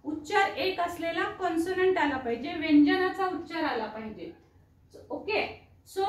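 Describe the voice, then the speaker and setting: Female teacher with a Marathi accent, patient and repetitive; high voice, recorded in an echoey room from a distance. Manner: patient, spells words out slowly and repeats them. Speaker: English teacher. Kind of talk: explaining lesson to students. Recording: echoey room, voice a bit far from the mic.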